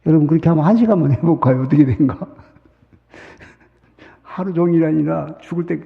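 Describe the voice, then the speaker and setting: Pastor preaching in a sanctuary with a long reverb; dramatic, whispers to shouts, raspy edge. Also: male voice, fairly high pitch, brisk. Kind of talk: sermon. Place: church sanctuary. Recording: muffled sound with long hall reverb.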